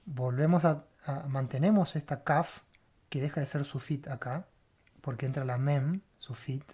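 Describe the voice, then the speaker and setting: A Hebrew teacher, speaking in a warm mid-range voice with a breathy edge, fairly even intonation and a measured pace, goes through a Bible language lesson word by word. Letters get spelled out, sounds repeated, and each step ends with a questioning "right?"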